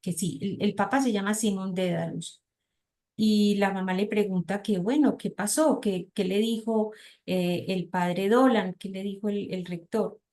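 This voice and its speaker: A woman's voice: medium pitch, unhurried, warm tone. A woman with a Colombian accent giving a seminar lecture, reading passages aloud and often checking in with her listeners. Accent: Colombian Spanish. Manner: diminutives, frequent checking questions.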